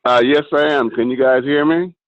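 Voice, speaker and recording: A man caller giving a halting testimony, with many pauses and restarts. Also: medium pitch, steady tone, no room sound. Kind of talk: casual spoken testimony. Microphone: phone call into a video meeting. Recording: dry tinny phone line.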